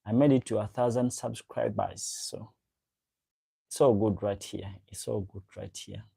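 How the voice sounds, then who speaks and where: Unhurried and steady in tone, this man has a lowish, husky voice with vocal fry and warmth. He rambles through a livestream, repeating himself as he reads out viewers' comments and chats with them directly. His first language is a local African language.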